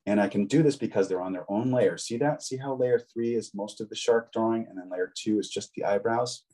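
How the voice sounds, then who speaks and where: A low-pitched man with a slightly husky voice leads a casual draw-along lesson. He talks in a chatty, encouraging way, with easy fillers and friendly asides to the children following along. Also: a little mellow. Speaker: drawing instructor.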